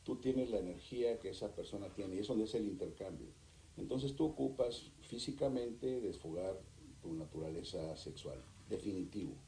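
A man's voice: deep voice, reverberant, a little hiss or hum, rough recording. A man, a therapist and author talking animatedly as a guest in an interview. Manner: animated, acts out couples in quick voices. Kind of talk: conversational interview.

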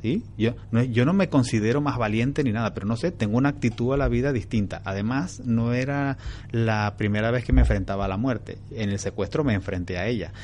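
Calm man telling his story. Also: medium pitch, brisk, slight background noise. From Venezuela. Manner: calm, frank, reflective. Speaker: interview guest. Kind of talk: relaxed storytelling in conversation.

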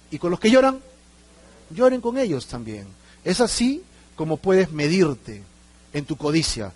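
A man delivers a church sermon in a husky, slightly raspy voice. His pitch sits fairly high and swings widely as he slips into little acted exchanges between members. The delivery stays lively and conversational. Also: no echo. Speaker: pastor.

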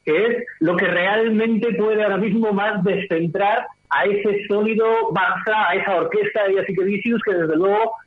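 A man's voice: high-pitched, fairly even intonation, moderate pace, few pauses. A man, a basketball commentator heard over a telephone line, analysing a game in long, fluent runs with rhetorical questions. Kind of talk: sports analysis over the phone on radio. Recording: tinny phone line.

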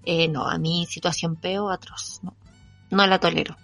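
A woman's voice: fairly low pitch, little pitch movement, moderate pace, gravelly, fairly bright tone, faint music behind. A young Chilean woman co-hosting a casual chat, frank and jokey, swearing freely. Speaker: podcast co-host.

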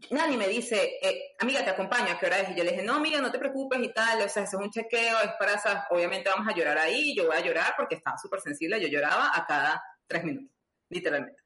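A woman's voice: mid-range voice, quick pace, bright, forceful tone. A woman telling a personal story, chatty, with many fillers and acted-out dialogue. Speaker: guest. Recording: roomy echo.

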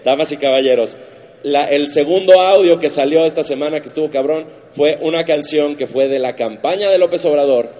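A man's voice: fairly high pitch, fairly quick, few pauses, warm tone, soft background music. A man with a Mexican Spanish accent hosting a comedy show, riffing crudely on the week's news and swearing constantly. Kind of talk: stand-up news monologue.

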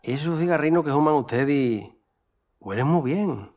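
Poor, hospitable villager, folksy and curious, animated-film dub. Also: male voice, on the high side, measured pace.

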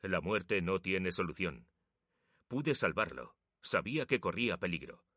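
A man's voice: sits low, sing-song, unhurried, bright, forceful tone, dry recording, studio quality, exaggerated voice. A man voicing a proud young photographer who talks earnestly and jokes with his brother. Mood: grieving. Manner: earnest, sometimes teasing.

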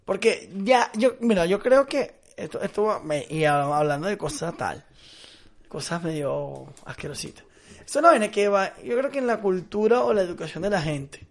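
A man's voice: high voice, lively intonation, moderate pace. A young man with a Venezuelan accent, co-hosting a casual podcast and telling crude stories. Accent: Venezuelan Spanish. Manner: storytelling, crude, emphatic. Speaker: podcast co-host. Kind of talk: casual chat.

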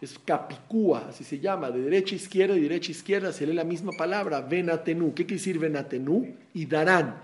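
A man leads a religious class, moving between teaching points and animated storytelling. His voice sits a little high but sounds mellow and relaxed, and he acts out the dialogue as he tells each story. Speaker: Torah teacher.

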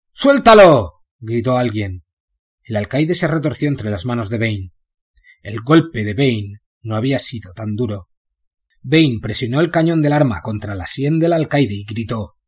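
A man narrating a novel in a steady, dramatic storytelling manner with a husky voice. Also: medium pitch. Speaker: audiobook narrator.

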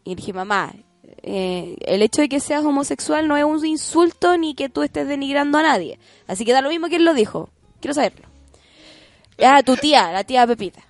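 A woman's voice: sits high, expressive, a little fast, no echo, faint music behind. A young woman with a Chilean accent, hosting a podcast and telling a family story in casual chat, laughing often and acting out the quotes. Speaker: podcast host.

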